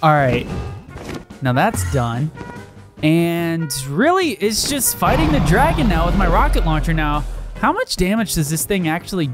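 A man giving casual gameplay commentary as a gaming video host, excitable and quick to exclaim and laugh. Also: fairly high pitch, over music. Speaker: gaming YouTuber.

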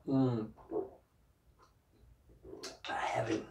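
A man's voice: extremely slow, darkish tone, far from the mic, a little hiss or hum. A man chatting casually in a vlog from his bedroom, rambling between topics and talking while he eats. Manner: rambling, talks while eating. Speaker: vlogger. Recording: roomy echo, a little off-mic.

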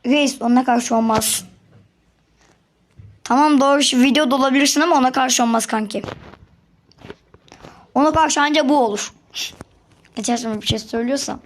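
A woman giving casual gameplay commentary for her channel, excitable and chatty, often repeating words as she talks to other players. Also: sits high, moderate pace, long pauses. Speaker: gaming channel host.

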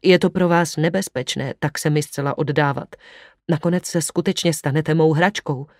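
A man's voice: on the high side, steady tone, no echo, studio quality, close to an everyday voice. A man voicing a proud, imperious young woman in an audiobook, speaking sharply and commandingly. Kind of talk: audiobook reading.

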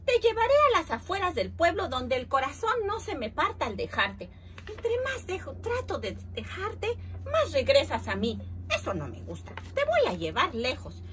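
A woman's voice: sits high, normal speed, pitched above the performer's own voice, exaggerated voice. Woman reading a fussy worried uncle guy, sighs a lot, voice all over the place. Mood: fretful. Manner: fretting, sighing exclamations. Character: fretful middle-aged man, fond of his hat. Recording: steady background noise.

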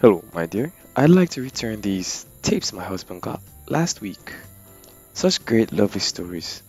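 A man's voice: on the low side, very animated, normal speed, a little mellow, husky, faint music behind, exaggerated voice. A man voicing a nervous, chatty old woman customer who rambles on fretfully.

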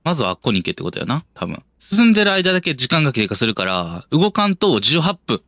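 A man's voice: fairly high pitch, sing-song, fast, a bit bright, dry recording, clean studio sound. A young man with a Kansai accent, commenting on a horror game as a streamer, muttering to himself and yelping when startled. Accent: Kansai Japanese. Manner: jumpy, yelps and mutters to himself, talks himself down.

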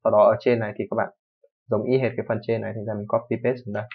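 A man's voice: fairly low pitch, flat delivery, slightly rough. A young man teaching programming in a coding tutorial, talking informally, checking in often and correcting himself as he goes. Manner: fast, informal explaining with frequent "đúng không" checks and self-corrections. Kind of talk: screen-recorded coding tutorial. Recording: dull lo-fi microphone.

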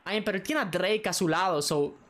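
A man giving casual reaction commentary, excitable and teasing the characters on screen. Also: sits high, a little fast. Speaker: anime reaction channel host.

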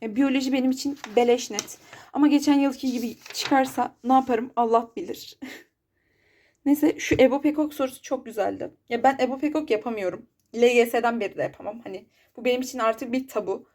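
Young female study vlogger, casual and self-deprecating, higher voice with a warm, soft tone. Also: brisk, a little hiss or hum. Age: young adult. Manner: chatty, frustrated, self-deprecating. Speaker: exam student vlogger.

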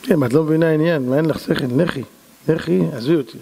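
A man's voice: a little high, creaky, dark tone, breathy edge. A man voicing a humiliated male worker who snaps irritably at his wife. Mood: bitter. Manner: irritable, brushing off. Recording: long hall reverb.

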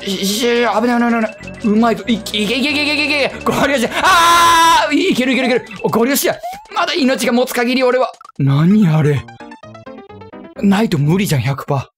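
A young man from Kyushu commentating a video game he is playing, talking to himself, muttering, and yelping in excitement. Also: extremely high pitch, fast talker, faint music behind. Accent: Kyushu Japanese. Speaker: game streamer. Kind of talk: let's play commentary.

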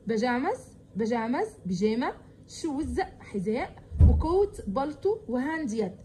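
A woman with an Egyptian Arabic accent teaching English vocabulary to children, saying each word slowly and repeating it for drilling. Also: high voice, a little mellow, slight background noise. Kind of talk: vocabulary lesson.

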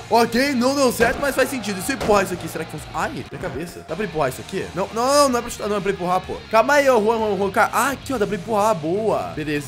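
A man from Brazil giving playful, excitable gameplay commentary, joking and shouting out bursts as he plays. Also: sits high. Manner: playful, excitable, jokey with sudden exclamations. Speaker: gaming YouTuber. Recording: faint music behind.

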